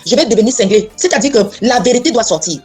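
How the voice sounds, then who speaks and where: A woman's voice: a little high, lively intonation, quick pace, darkish tone, husky, faint music behind. A woman in a casual chat, blunt and insistent, often repeating herself. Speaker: co-host.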